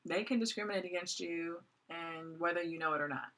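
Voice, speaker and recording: A woman's voice: lowish voice, a little fast, a bit bright. A woman in her forties giving a recorded course lecture in a conversational way, with many "um" fillers. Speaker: college lecturer.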